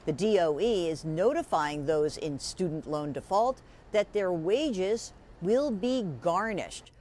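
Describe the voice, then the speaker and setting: A woman news analyst explaining personal finance in a measured report. Her pitch sits a little low but swings widely as she stresses key points. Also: a little mellow. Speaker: business analyst.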